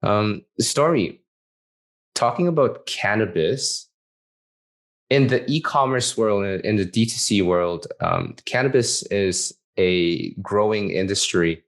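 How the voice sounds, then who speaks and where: Very deep-voiced Malaysian-born male host. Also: takes it slowly. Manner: hesitant, with restarts and fillers. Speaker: podcast host. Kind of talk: casual podcast interview.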